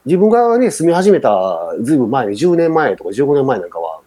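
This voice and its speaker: A middle-aged man with a Kansai Japanese accent co-hosts a podcast, chatting casually and rambling with plenty of fillers. His medium-pitched voice is warm, brisk, and very animated.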